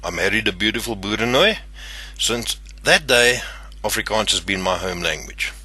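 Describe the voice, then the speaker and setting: An older South African man hosts his own channel, reading a scripted talk to camera in a South African English accent with an earnest, somewhat stiff delivery. His fairly low voice is husky and sharp in tone, expressive, and paced at normal speed.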